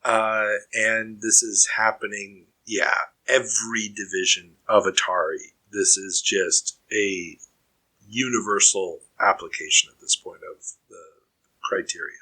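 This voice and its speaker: Male podcast host, bright forward tone, reads headlines then riffs casually. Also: on the low side, steady tone, a little slow, low-quality recording. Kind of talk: reading news items and chatting.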